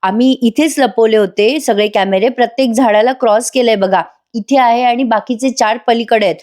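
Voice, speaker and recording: A woman's voice: fairly high pitch, normal speed, a little mellow, natural voice. Brief: woman reading a concerned young husband, earnest.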